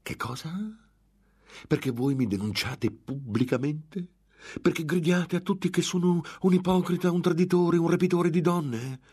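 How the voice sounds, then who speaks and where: A man playing a frenzied, guilt-ridden monk who rants and shouts with cruel, bitter laughs. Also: a little high, animated, measured pace, voice pushed up. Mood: raving.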